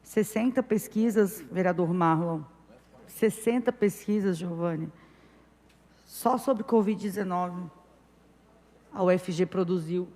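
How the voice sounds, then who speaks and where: A woman's voice: lowish voice, slow, long pauses, mellow. Impassioned woman councillor in an echoing chamber. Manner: emphatic, impassioned, repeating phrases. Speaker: city councillor chairing the session. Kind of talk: impassioned political speech.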